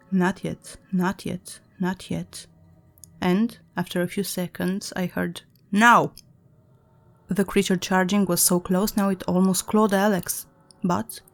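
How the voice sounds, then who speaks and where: A woman narrating a horror story in a dramatic, measured storytelling manner. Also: medium pitch, darkish tone. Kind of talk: scripted narration.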